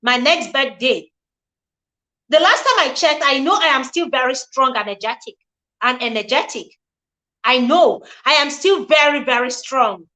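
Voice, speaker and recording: Her voice is high, bright and forceful, expressive at a moderate pace: a relationship show host in her forties leading a live talk. She speaks earnestly, repeating herself in a preachy cadence and calling out viewers by name.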